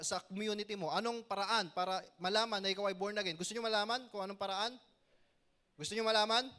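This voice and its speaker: Bright-voiced young male youth pastor preaching. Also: high-pitched. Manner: preachy, asks the crowd "Amen?" often; animated storytelling with joking asides. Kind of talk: youth sermon.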